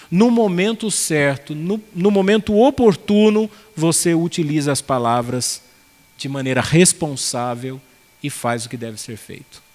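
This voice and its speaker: Brief: male pastor, earnest and chatty, fairly high voice, big reverberant hall. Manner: earnest, conversational, draws on folksy anecdotes. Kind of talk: expository sermon.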